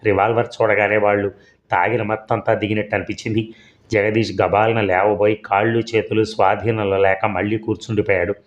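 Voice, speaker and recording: Low-voiced man narrating a story. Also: flat delivery, fairly quick, muffled recording.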